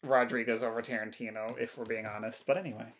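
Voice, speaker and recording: A man's voice: medium pitch, level tone, fast, fairly bright tone. A man co-hosting a podcast in casual chat, often hunting for words with "like". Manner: loose, searching for words with "like". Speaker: podcast co-host.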